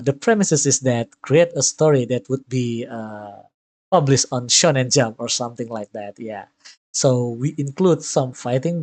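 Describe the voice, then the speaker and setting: A streamer casually commenting on a visual novel and reading its text aloud, halting often with fillers and restarts. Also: medium pitch, a little mellow, no echo. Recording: game music behind the voice. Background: game background music.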